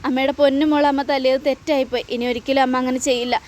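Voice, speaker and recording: Brief: woman voicing a worried mother consoling her daughter, high voice, gentle. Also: level tone, racing, slight background noise, close to an everyday voice. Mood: imploring. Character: anxious loving mother of grown daughters.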